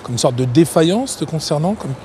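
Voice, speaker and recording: A man's voice: on the high side, animated, fairly quick, dark tone, slight background noise. A man interviewing a guest in a casual, informal way, prompting him with short replies.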